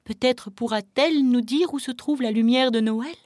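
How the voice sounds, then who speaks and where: A woman voicing a gentle, shy female doe in a storybook, speaking in a hushed whisper. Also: fairly high pitch, normal speed, loud music behind the voice, lightly acted.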